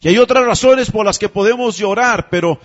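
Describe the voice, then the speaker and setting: A high-pitched man delivers a sermon in a conversational way, tossing out rhetorical questions and having the congregation repeat lines back to him. The sound is dull and muffled, like a radio broadcast. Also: a little fast. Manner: calls the congregation to repeat phrases. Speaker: pastor.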